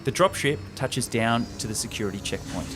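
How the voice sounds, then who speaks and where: A medium-pitched male voice, a touch on the fast side, belongs to a podcast host retelling a movie script with enthusiastic side comments. He trades banter with his co-host, and loud music plays behind him.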